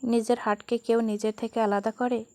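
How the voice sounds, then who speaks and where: Woman voicing a young man, stern, teasing, tender, storybook romance, fairly high voice. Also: flat delivery, brisk, darkish tone, no echo, studio quality, lightly acted. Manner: scolding then tender, mixes English words.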